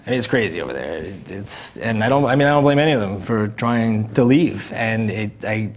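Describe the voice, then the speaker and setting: A man's voice: fairly low pitch, expressive, fairly quick. A young man co-hosting a casual talk show, hesitant and often restarting his sentences, with light chuckles. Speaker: co-host. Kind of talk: casual chat show banter.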